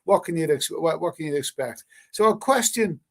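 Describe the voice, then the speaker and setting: A man's voice: on the high side, animated, normal speed, vocal fry, fairly bright tone. A man hosting a casual live stream, reading out chat comments and rambling with many repeated words and casual swearing. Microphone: webcam stream mic.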